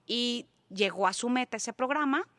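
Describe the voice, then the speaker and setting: A woman with a Mexican accent, a guest on a podcast, telling her faith testimony as an animated storyteller who repeats words for emphasis. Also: on the high side, normal speed, no echo. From Mexico (La Paz, Baja California Sur). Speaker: guest, full-time evangelist. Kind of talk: personal testimony in podcast conversation.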